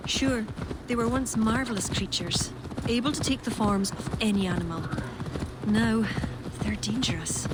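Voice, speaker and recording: A woman's voice: a little high, normal speed, natural voice. A woman voicing an earnest pagan ally who explains old traditions and creatures in a video game cutscene. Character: earnest Irish pagan woman, lore-keeper. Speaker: Irish ally in a Viking game. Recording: game audio under loud ambient noise.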